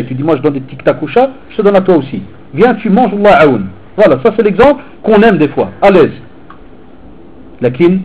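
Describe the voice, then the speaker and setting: A man, a teacher and preacher, giving an animated, informal sermon to teenagers and mixing street talk with religious phrases. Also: a little high, breathy edge, muffled recording. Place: hall in Belgium.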